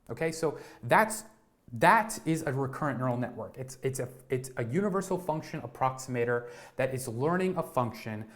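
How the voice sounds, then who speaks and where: A man in his twenties giving an energetic live-streamed tech lesson, often repeating words and checking in with "right?" and "okay?". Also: medium pitch. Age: 20s.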